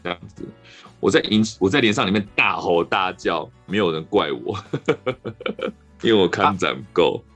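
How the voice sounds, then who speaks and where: A man with a Taiwanese Mandarin accent hosting a podcast, telling a rambling, animated story in casual chat. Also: low voice, a little fast, soft background music. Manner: rambling, animated anecdote with restarts. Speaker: podcast host.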